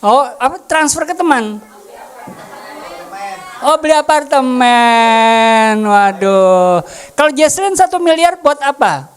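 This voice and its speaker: A woman's voice: high-pitched, expressive, slow pace, pauses often, some chatter behind. A woman preaching a casual sermon, joking and asking the congregation questions. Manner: jokey, asks the congregation questions.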